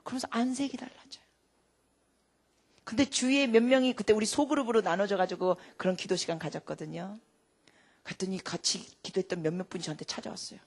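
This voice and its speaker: A woman preaching a sermon. She tells stories and asks the congregation questions, swinging between loud emphatic lines and hushed whispers. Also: medium pitch, steady tone, fast talker, gravelly. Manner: storytelling with rhetorical questions to the congregation.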